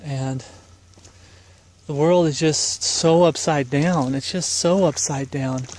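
Recorded by a handheld phone at arm's length, this middle-aged street preacher walks a foggy woodland trail giving a loose, earnest sermon full of fillers and exhortation. He takes it slowly, his voice on the high side and a little mellow with fairly even intonation, over slight background noise.

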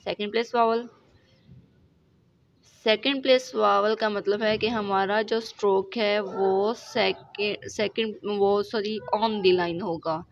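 A woman with a Pakistani Urdu accent teaching shorthand in a recorded lesson, going slowly step by step and checking in with the class after each point. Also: mid-range voice, steady tone. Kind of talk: recorded lesson explaining examples. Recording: dull lo-fi recording with faint noise.

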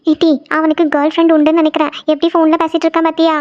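A woman's voice: very high-pitched, completely flat delivery, very fast, a little mellow. A woman voicing a gossipy college girl with a crush, with a southern Tamil accent. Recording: dull lo-fi recording.

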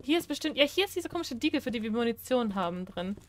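A woman casually commenting on a horror video game as she plays, chatting to the game's characters and swinging between shrieks and low mumbling. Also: big pitch swings, fast talker. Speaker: gaming streamer. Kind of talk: casual Let's Play commentary.

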